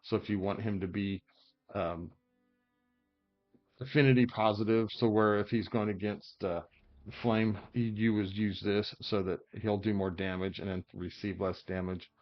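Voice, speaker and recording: A man's voice: on the low side, steady tone, moderate pace, dull audio. A man talking casually through character builds in a game, thinking aloud with lots of fillers and hiccups. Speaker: game guide creator. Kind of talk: casual gameplay commentary.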